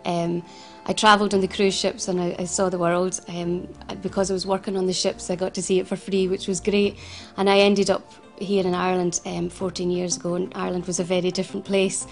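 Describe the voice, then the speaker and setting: With faint music behind her, a Scottish woman in her forties from Glasgow, who founded a financial advice service, speaks a little fast with hardly any pauses. Her fairly low voice barely moves in pitch as she earnestly recounts her story in an interview, restarting and repeating often.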